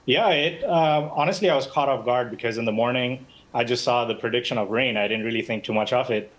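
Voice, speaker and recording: A Bangladeshi eyewitness joins a live news interview remotely, his mid-range voice moving a little fast through a rough recording. He speaks conversationally, full of fillers and false starts.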